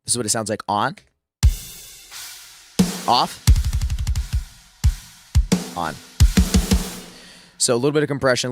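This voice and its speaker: A sick man who is losing his voice casually talks through a drum mixing tutorial, full of fillers and restarts. He's a music producer doing a screen-share mixing lesson. His voice is lowish and the studio recording is clean with no echo.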